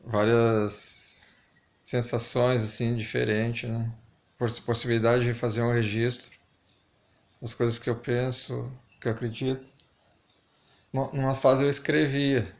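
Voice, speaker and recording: A bit bright and flat in delivery, this man's medium-pitched voice carries a casual, reflective talk to camera. The amateur video maker hesitates and pauses often, and his dental retainer leaves his speech slightly lisped and stumbling.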